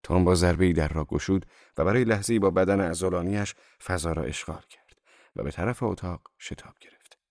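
A man narrating a novel as an audiobook reader, in a calm, even literary manner. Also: deep voice, dry recording, clean studio sound.

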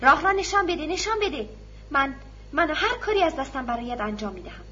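A woman's voice: very high-pitched, expressive, a bit bright, dull audio, a little hiss or hum, voice pushed up. A woman voicing an older man who speaks hastily in a broken voice, in a storybook reading. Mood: urgent. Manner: hasty, halting.

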